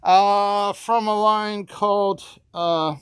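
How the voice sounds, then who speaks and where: A man in his sixties co-hosts a fabric shop video, walking through each bolt in a casual product showcase full of fillers, rambling asides and upbeat price calls. His high voice is fairly even, very slow, a bit bright and clean with no echo. He's indoors among the store's shelves, picked up by a small camera on a nearby table.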